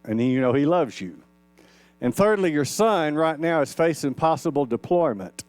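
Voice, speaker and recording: Folksy older male minister, smooth voice. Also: a little high, expressive, normal speed, darkish tone, no echo. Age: 60s. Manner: folksy, conversational, acts out quoted dialogue. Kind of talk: storytelling sermon. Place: church sanctuary.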